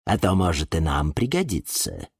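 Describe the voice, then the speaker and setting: A man's voice: low voice, huge pitch swings, normal speed, gravelly, husky, no room sound, clean studio sound, voice pushed down, full character voice. A man voicing a bossy, nosy female cactus who talks down dismissively in a storybook. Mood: scolding. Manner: dismissive, scolding.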